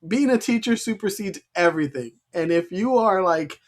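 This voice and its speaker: A man's voice: high voice, animated. A man co-hosting a podcast as a special education teacher, chatting casually and laughing often. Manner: laughs often, quick chatty delivery with restarts.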